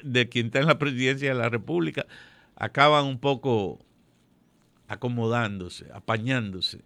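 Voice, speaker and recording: A man giving political commentary on a radio show, measured and prone to correcting himself. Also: mid-range voice, bright, forceful tone, smooth, dry recording. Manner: measured, digressive, self-correcting.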